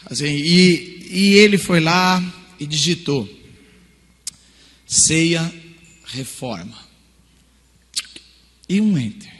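A man preaches to a gathering in a church hall, telling his stories with animated swings between quiet asides and loud emphasis. His voice sits fairly high. A long reverb trails behind every phrase. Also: measured pace. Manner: animated storytelling, lively shifts between hushed and loud. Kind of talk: sermon.

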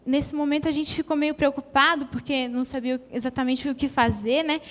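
Woman, Brazilian Portuguese accent, high voice, earnest emotional testimony, long church reverb. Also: fairly even intonation, brisk, fairly bright tone, a little hiss or hum. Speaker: church member giving a testimony.

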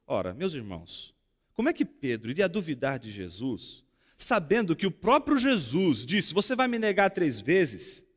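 A man with a Brazilian Portuguese accent preaching a sermon as a pastor, expressive and fond of rhetorical questions. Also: high voice, big-room sound. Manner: expressive, acts out dialogue and asks rhetorical questions.

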